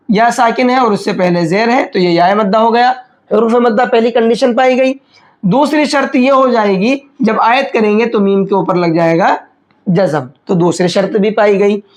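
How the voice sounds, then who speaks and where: A man giving a patient tajweed lesson, posing questions and then answering them himself. His voice sits fairly high for a man. He stretches out each demonstration word very slowly before returning to explanation. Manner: slows right down to demonstrate recitation. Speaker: Quran recitation teacher.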